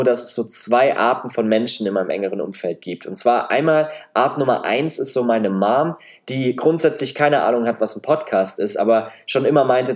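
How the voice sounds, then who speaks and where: Recorded on a podcast microphone, a man in his 20s from Leipzig, eastern Germany, delivers a semi-scripted solo podcast monologue. His mid-range voice is nasal and a bit mellow, carrying a faint Saxon German accent, and his hosting style is chatty and self-deprecating.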